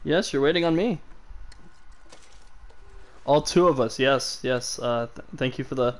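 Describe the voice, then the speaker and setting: A young man narrates his game stream through a headset mic, sarcastic and quick to make fun of himself. His voice is an ordinary middle pitch, and casual swearing slips into his commentary.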